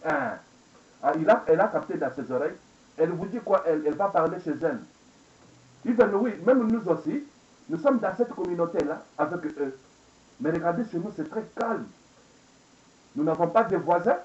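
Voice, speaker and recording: With long pauses at a moderate pace, a man in his 40s delivers an angry, rambling rant into an indoor webcam, repeating phrases, asking rhetorical questions and code-switching into English. The voice is a little high, animated and darkish, recorded in echoey, dull lo-fi.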